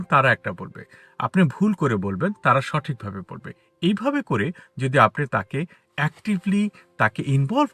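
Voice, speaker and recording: A man teaching English pronunciation to Bengali speakers, talking outdoors on a street and spelling out letters and sounds slowly. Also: mid-range voice, a bit bright, husky, no echo. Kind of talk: spoken English lesson.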